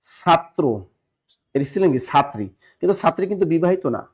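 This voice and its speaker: Energetic Bangladeshi Bengali male teacher. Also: fairly high pitch, fast talker. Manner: energetic, repeats key answers and quizzes viewers. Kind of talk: live online exam-prep class.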